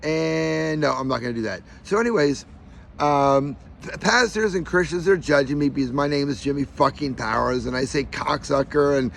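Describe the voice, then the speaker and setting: A man's voice: on the high side, normal speed, gravelly, fairly bright tone, a little hiss or hum. A man telling his own story in an aggrieved, emphatic rant, his speech slightly slurred by missing front teeth. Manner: aggrieved, emphatic, acts out reported dialogue.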